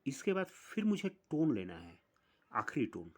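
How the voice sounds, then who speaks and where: A man's voice: mid-range voice, huge pitch swings. A man teaching music theory, explaining step by step and counting through the notes one at a time. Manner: slow, deliberate, counts notes aloud one by one.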